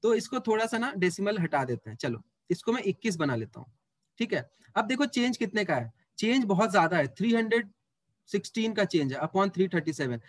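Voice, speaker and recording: A man with a high, light voice teaches math in a live online class. He talks casually and teases students as he works through the numbers aloud, recorded close in a dry setting. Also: big pitch swings, a little fast, no room sound. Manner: chatty, teasing students while working sums aloud.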